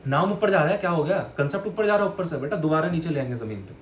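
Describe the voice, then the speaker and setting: A man's voice: on the high side, lively intonation, racing. A male teacher giving a lecture in a playful, colloquial way, calling his students "beta". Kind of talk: classroom lecture. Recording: echoey room with faint noise.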